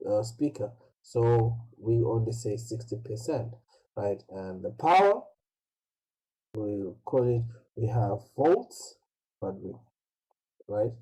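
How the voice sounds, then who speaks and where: Slow, mellow male English tutor on a video call, keeps checking in with the student. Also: medium pitch, breathy edge, poor audio. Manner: slow, repeats "right?" constantly. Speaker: English teacher. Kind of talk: online English lesson.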